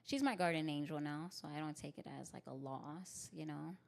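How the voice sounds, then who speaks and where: This young adult woman, a Tucson, Arizona comic, talks at a normal speed as a podcast guest in a relaxed interview. Her deep voice carries bass and sounds gravelly and a little mellow. She's candid, laughs easily, and fills her speech with "like" and "you know what I mean."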